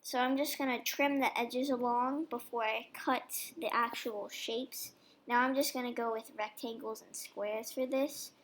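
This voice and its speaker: A young woman with a fairly high voice talks unhurriedly over slight background noise, casually walking through how she makes dog treats. She's a vlogger doing a relaxed, chatty cooking voice-over, explaining each step as she goes.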